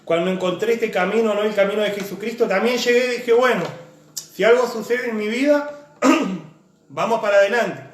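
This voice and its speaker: A man's voice: high voice, moderate pace, reverberant. A man preaching a sermon, earnest and full of repeated phrases and lists as he shares his own testimony.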